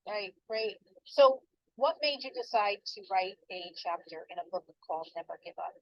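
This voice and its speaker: A woman interviewer asking questions in a brisk, friendly way. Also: medium pitch, lively intonation, dry recording. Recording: dull lo-fi dry sound.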